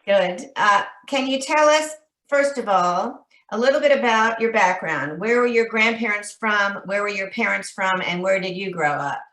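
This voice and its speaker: Woman interviewer, polite and guiding, mid-pitched, roomy echoey sound. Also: moderate pace, fairly bright tone. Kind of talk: oral history interview. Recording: echoey room.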